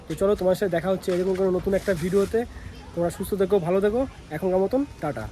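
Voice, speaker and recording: Fast-talking young man. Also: high voice, steady tone, background noise. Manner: chatty, teasing and bossy with a child. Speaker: vlogger. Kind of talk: casual vlog narration. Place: home and yard, in and out of doors.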